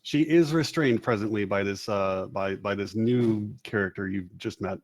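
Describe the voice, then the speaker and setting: A man running a tabletop game as game master, relaxed and joking as he makes rulings. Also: fairly low pitch, moderate pace, no room sound.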